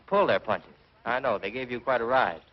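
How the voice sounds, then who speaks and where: A man's voice: mid-range voice, normal speed, natural voice. An actor playing an agreeable, easygoing young newspaperman in an old film, speaking informally and breezily. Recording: muffled old film soundtrack.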